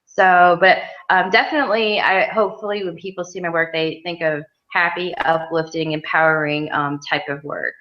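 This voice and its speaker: A woman's voice: on the low side, fairly even intonation, normal speed, hardly any pauses. A woman artist from Western New York, chatting casually in an interview with lots of ums. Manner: chatty, many ums, laughs easily. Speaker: mixed media artist, guest. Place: outdoor art studio. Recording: dull lo-fi sound.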